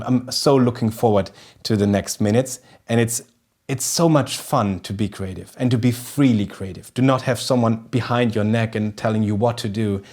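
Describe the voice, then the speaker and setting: A lowish, slightly mellow male voice comes from a thirty-something German speaking English, his second language, with a German accent. He hosts a relaxed photography tutorial to camera in a festive indoor studio kitchen, eager but often beginning sentences again as he searches for words.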